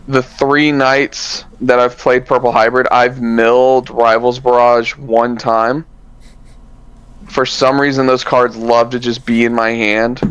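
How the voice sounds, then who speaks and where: Smooth-voiced man in relaxed podcast chat. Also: medium pitch, highs cut off. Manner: relaxed, rambling, many fillers and self-corrections. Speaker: podcast co-host. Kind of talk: casual chat recapping card tournaments.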